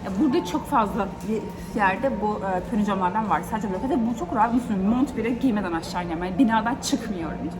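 A woman vlogging casually to a handheld camera, ranting in an animated, exasperated way while she walks around a small shop. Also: mid-range voice, racing, few pauses. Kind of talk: casual vlog talk to camera. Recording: noisy ambient background.

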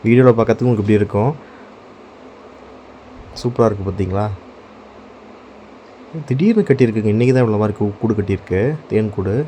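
A man chatting casually to viewers while filming his garden outdoors on a handheld phone, often calling out loudly to his dogs. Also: on the low side, fairly even intonation, fairly quick, pauses often, slight background noise. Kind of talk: casual walk-and-talk vlog. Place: outdoor garden under trees.

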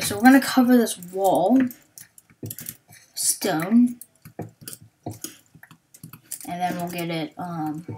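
Slow, hesitant woman thinking aloud. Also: fairly low pitch, darkish tone, a little hiss or hum. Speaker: gaming channel host. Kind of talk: Let's Play commentary.

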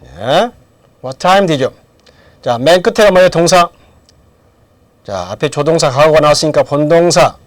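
A man's voice: on the high side, lively intonation, unhurried, long pauses, dry recording. A middle-aged man teaching English grammar in a lecture, asking questions and then answering them himself. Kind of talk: lecture with drills.

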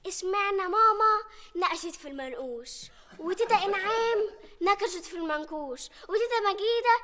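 Sassy teenage daughter, very high voice, bright, sitcom. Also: female voice, expressive, a little fast, full character voice. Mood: nagging. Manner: sassy, nagging. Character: demanding teenage daughter Yasmin. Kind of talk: sitcom acting.

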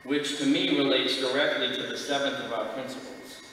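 Middle-aged guy preaching like a vicar, bright voice, measured, big echoey church, far from the mic. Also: medium pitch, steady tone. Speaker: lay speaker giving a church sermon. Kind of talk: sermon read from notes. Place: large church, at a pulpit. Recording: echoey church hall, distant mic, background noise.

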